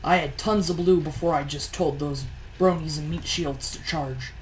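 A woman's voice: deep voice, normal speed, a little hiss or hum, low-quality recording. A tired woman with a morning voice, chatting through gameplay commentary on a push-to-talk mic and grumbling in exasperation at how things are going. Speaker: let's play host.

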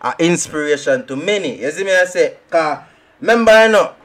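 A young man with a Jamaican accent and a high-pitched voice commentates his own gameplay. He rambles in an excitable, trash-talking way. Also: brisk. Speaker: gaming streamer.

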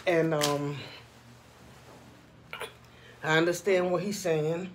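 Guy vlogging, kinda high voice, just talking casually about what he thinks, always checking you follow. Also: fairly even intonation, slow, fairly bright tone, slight background noise. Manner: conversational, frequently checking in with "you know what I'm saying". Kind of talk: casual opinion monologue.

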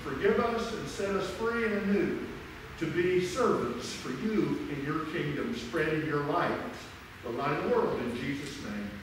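A high-voiced older man leads church liturgy as a pastor, solemn and measured. His words ring out in a long cathedral echo, picked up from a distance. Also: animated. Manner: solemn, measured, declaiming to a congregation. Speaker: pastor leading a Christmas Eve communion service. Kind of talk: liturgy and prayer led aloud. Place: large church sanctuary, indoors. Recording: echoing cathedral-like church reverb, distant microphone, faint noise.

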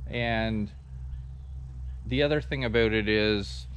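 A man, casually explaining his sawmill setup outdoors in a forest clearing, talking to a camera held at arm's length with plenty of ums. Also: lowish voice, takes it slowly, a little hiss or hum. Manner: relaxed, rambling explanation with many ums. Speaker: sawmill vlogger. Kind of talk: casual walkthrough vlog.

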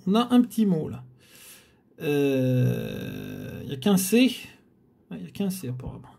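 A man comments casually on his scratch tickets, speaking to his viewers as if they sat beside him. He takes his time, his pitch rising and falling a lot, with frequent sighs and little groans when the letters don't come. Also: wildly swooping pitch, a little slow, gravelly, mellow. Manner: chatty, addresses viewers, frequent sighs and groans at bad luck. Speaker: scratch-card video host.

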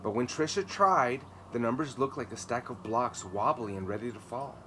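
Sitting out in a garden on the patio, a man in his thirties reads a children's tale with emphatic, dramatic delivery. His mid-range voice sounds pushed and bright at a moderate pace, with clear ambient noise behind it.

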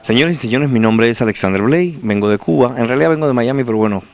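A man's voice: mid-range voice, lively intonation, quick pace, lo-fi sound, slight background noise. A man, a magician, speaking like a showman announcer to camera. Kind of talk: announcer-style promo.

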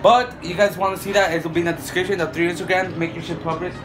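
A man's voice: sits high, steady tone, fast talker, background noise. A young man chatting casually to viewers in a vlog, swearing often and repeating himself. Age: young adult. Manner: profane, repetitive. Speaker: challenge vlogger. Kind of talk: casual excited vlog chat. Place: small living room.

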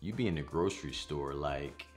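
This cooking channel host is a man in his thirties whose bass voice moves at a moderate pace over soft background music. He talks casually to camera in his kitchen, tossing in playful jokes, before shifting into voice-over.

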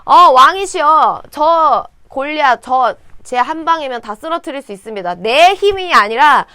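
A woman's voice: sits high, animated, a little slow, sharp tone, no room sound, heavily acted. A woman playing a fiery, zealous shepherd boy. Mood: defiant. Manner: indignant, fiery.

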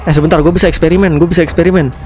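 A young man with an Indonesian accent giving casual gameplay commentary into a headset, chatty and often repeating words in quick strings. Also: fairly high pitch, steady tone. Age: young adult. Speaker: gaming streamer. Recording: game music behind the voice. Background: video game music.

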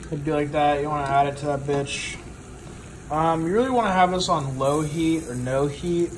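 A young man with a slightly high voice chats casually while cooking, drunk and rambling. His talk is loose and full of swearing. It is a noisy handheld phone recording in a home kitchen, with dishes and pans clattering. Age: young adult. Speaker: amateur home cook. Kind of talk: casual profane cooking chat. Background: pans and cutlery clattering.

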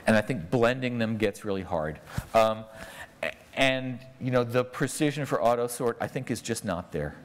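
On stage in a large conference hall, a man gives a talk followed by audience Q&A, speaking conversationally and often ending lines with "right?". His medium-pitched voice is expressive and moves at normal speed. He wears a lapel mic, and the room has a long reverb.

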